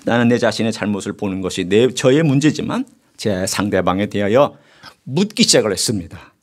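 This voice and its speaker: Animated Korean man preaching a sermon. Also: fairly low pitch, fairly quick. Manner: animated preaching, swings from hushed whispers to raised exclamations. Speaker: pastor.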